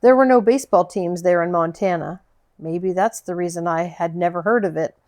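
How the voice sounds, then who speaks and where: A woman narrating an audiobook chapter in a gentle, unhurried storytelling voice, with the odd small slip. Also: on the low side. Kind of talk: audiobook reading of a novel.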